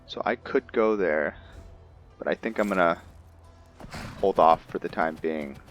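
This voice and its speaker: A deep-voiced gaming video host speaks unhurriedly over soft background music, giving unscripted video game commentary. Role-playing a character, he muses and hesitates as he thinks out loud.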